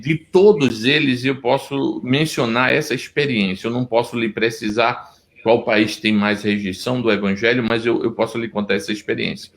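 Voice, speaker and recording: A man's voice: mid-range voice, fairly even intonation, normal speed, creaky, low-quality recording. A middle-aged Brazilian man with a Pernambuco accent, a pastor telling his story earnestly in an interview, often restarting his sentences. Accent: Pernambuco Brazilian Portuguese. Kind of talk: testimony interview.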